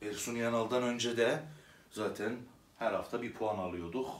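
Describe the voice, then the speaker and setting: A man's voice: on the high side, very animated, moderate pace, a bit bright, distant mic, slight background noise. A man playing a hot-tempered male club president who rants theatrically, swinging from sweet talk to fury. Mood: ranting. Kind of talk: comedy sketch monologue. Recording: roomy echo, away from the mic.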